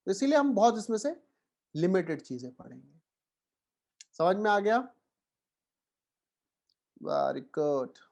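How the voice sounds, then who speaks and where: A man with an Indian accent gives an online class, speaking a little higher than most men. He switches between Hindi and English and keeps checking in with the class. His tone stays reassuring and encouraging. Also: sing-song, slow pace, gravelly, long pauses, darkish tone. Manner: Hindi-English code-switching, frequent "theek hai" check-ins. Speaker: teacher. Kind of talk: online lecture.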